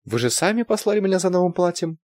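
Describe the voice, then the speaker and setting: A timid young shop assistant answering in a high, nervous voice, as a male narrator puts her on. The pitch moves a lot, and the dry, close sound leaves nothing to hide behind. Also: very animated, fast, darkish tone, no room sound. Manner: timid, anxious.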